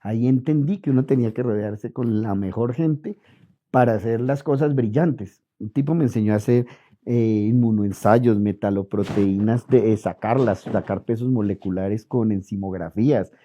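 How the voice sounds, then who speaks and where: A middle-aged Colombian man being interviewed, telling lively stories and acting out quoted dialogue. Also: lowish voice, normal speed. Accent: Colombian Spanish. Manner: animated anecdotes, acts out quoted dialogue. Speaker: interviewed physician. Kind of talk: relaxed storytelling interview. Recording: dull lo-fi audio.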